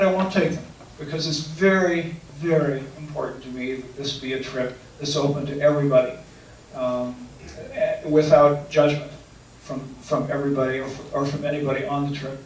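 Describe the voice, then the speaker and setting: A man with a voice on the high side, captured from a distance, takes audience questions at a talk he gives as a canoe and kayak trip leader. The room echoes, he's away from the mic, there's faint noise, and he earnestly, hesitantly restates each question before replying.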